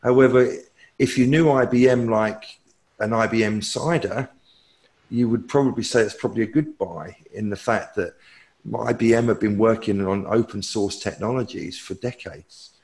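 Male tech pundit, low voice, rambling opinionated answers. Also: normal speed, a little mellow. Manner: rambling, self-correcting, opinionated. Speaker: technology expert guest. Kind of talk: answering viewer questions.

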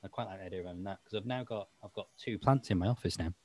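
A man with a deep voice hosts a relaxed podcast chat. He rambles and pokes fun at himself, with plenty of "like" and "um". The sound is close and dry, with no room in it. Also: racing, no room sound. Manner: rambling, self-mocking, many fillers. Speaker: podcast host. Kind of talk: casual chat.

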